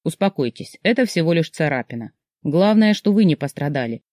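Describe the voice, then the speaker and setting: Here a narrator portrays a rich, confident man who commands the room, lowering the voice and speaking with unhurried, mellow calm authority, for a reassuring effect. It's recorded close and dry, audiobook style, with no room sound.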